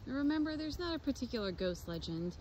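A woman's voice: high-pitched, very animated, fast talker, lo-fi sound. A woman giving a casual walking tour outdoors, chatting to her viewers as she films on a phone. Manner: chatty, addresses viewers as "guys". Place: outdoors in a cemetery on a windy day. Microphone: phone camera held while walking. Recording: loud wind and outdoor noise.

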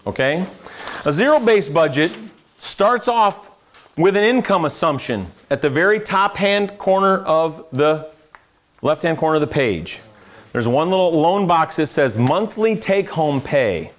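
A middle-aged American man, a financial adviser, giving a live classroom lecture with a conversational manner, quizzing the room and dropping dry sarcastic asides. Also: a little high. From United States. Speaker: financial adviser teaching a seminar.

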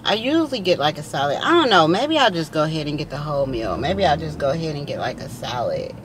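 A woman's voice: deep voice, big pitch swings, fast talker. A woman, chatting casually and rambling to viewers while she drives. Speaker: delivery driver vlogger. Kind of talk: casual chat while driving. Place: inside a car, driving. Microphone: dashboard camera mic. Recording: loud road noise in a moving car. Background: car and road noise.

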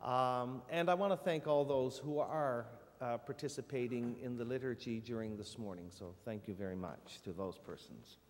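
A man giving casual church announcements from the front of a sanctuary, halting with many fillers. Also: medium pitch, slight background noise. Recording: long reverb in a church hall.

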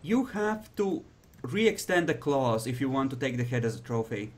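Low-voiced man running a tabletop game. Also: sing-song, moderate pace. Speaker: game master. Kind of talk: narrating a tabletop roleplaying game.

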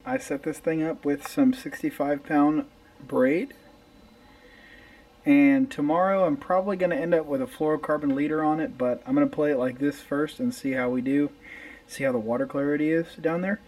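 A man's voice: fairly high pitch, moderate pace, recorded from a distance, low-quality recording. Bearded man rambling about gear in a garage. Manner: relaxed, rambling with fillers and restarts. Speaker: fishing vlogger. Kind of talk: casual gear talk to camera. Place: home garage at night, indoors. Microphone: camera close in front, handheld at times.

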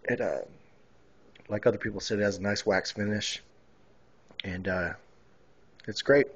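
Man, low voice, hesitant casual hobbyist; phone video recording, muffled lo-fi sound. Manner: hesitant, with frequent pauses and fillers. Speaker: hobbyist showing his rifle refinish. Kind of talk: casual show-and-tell. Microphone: phone camera mic. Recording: dull lo-fi phone video audio.

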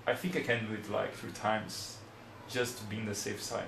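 A young man from Brazil, in his twenties and a hobbyist, runs a casual how-to demonstration at a desk in a small room, using English as a second language with a Brazilian Portuguese accent. He is unhurried and plain, searching for words. His fairly low, creaky voice shows little pitch movement, with reverb and background noise.

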